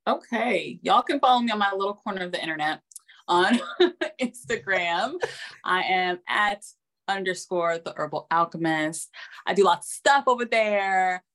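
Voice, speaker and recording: A woman's voice: medium pitch, animated, normal speed, a bit bright. Casual, supportive woman podcast guest. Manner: supportive, playfully insistent. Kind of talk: casual chat.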